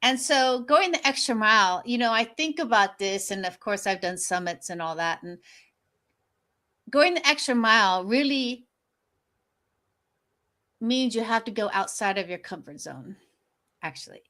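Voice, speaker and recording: A woman's voice: fairly high pitch, animated, unhurried, long pauses, bright, forceful tone. A woman speaking as a guest coach in a conversational, motivational style. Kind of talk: conversational motivational panel talk.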